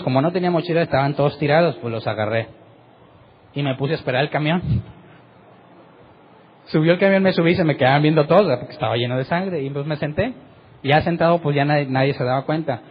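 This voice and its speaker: A man's voice: a little high, a little fast, long pauses, slightly rough, highs cut off. A middle-aged man gives a sermon as pastor, telling a personal story vividly and often tagging his sentences with a question. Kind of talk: sermon testimony.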